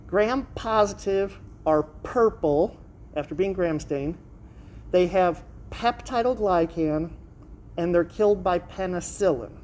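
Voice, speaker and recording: A woman's voice: fairly low pitch, darkish tone. A woman lecturer explaining material to a class and checking understanding with questions, her voice muffled by a face mask. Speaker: college lecturer. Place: classroom in front of students. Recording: noisy live classroom recording.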